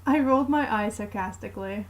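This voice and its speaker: A woman narrating a fanfiction aloud in the first person, with a steady, plain reading. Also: medium pitch, brisk, rough recording.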